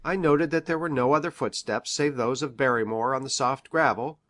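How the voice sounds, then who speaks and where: An actor playing an earnest, educated country doctor who recounts a tragedy in a formal, measured, precise way. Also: male voice, mid-range voice, fairly bright tone, natural voice. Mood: grave, earnest. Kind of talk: dramatised classic mystery radio play.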